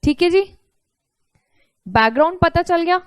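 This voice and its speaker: Woman teacher, high voice, slow and patient, asks and answers her own questions. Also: lively intonation, no room sound. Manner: explains step by step, asks and answers her own questions, mixes Hindi and English. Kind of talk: online lecture.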